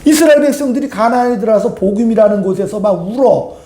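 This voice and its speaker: A man preaches in a high-pitched yet soft, mellow voice, filling a reverberant church sanctuary. His sermon feels like a conversation, and he keeps prompting the pews to agree. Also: quick pace, slight background noise. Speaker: pastor. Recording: echoey church room.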